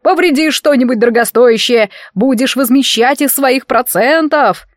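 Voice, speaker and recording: A woman's voice: sits high, normal speed, no echo, studio quality, voice pushed up, natural voice. A woman voicing a sarcastic male talking wardrobe, a familiar who teases and grumbles dramatically. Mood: wailing.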